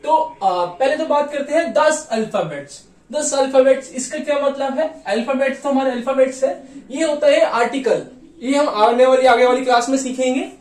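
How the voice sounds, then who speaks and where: A man teaching a beginners' lesson, patiently repeating each sound slowly. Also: extremely high pitch. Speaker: language teacher. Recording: echoey room, mic far off.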